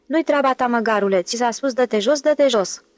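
A woman's voice: a little high, no echo, natural voice. A woman reading the part of a brash, bossy male con man in an audiobook, in a pushy, boisterous manner.

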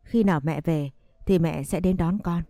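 A woman voicing a loving mother who gently comforts her small daughter in an audio story. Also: on the low side, normal speed, no room sound, clean studio sound, natural voice. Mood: tender. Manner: tender, soothing.

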